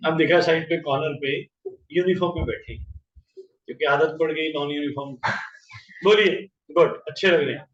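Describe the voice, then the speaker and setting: A man teaching chemistry in a classroom, quizzing students by name and slowly repeating each compound name. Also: a little high, a bit bright. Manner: questions students by name, drills terms slowly. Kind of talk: classroom lecture. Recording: roomy, distant, dull lo-fi classroom audio.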